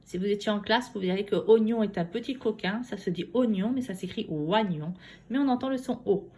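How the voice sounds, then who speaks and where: A schoolteacher working from her home, giving a phonics lesson to young children and sounding out each syllable slowly and carefully. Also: medium pitch, warm tone. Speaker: primary school teacher.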